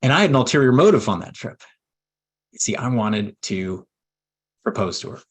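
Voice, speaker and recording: A man in his forties, an estate planning attorney, telling a heartfelt personal story in a webinar with earnest pauses and restarts. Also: medium pitch, animated, breathy edge. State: emotional at times.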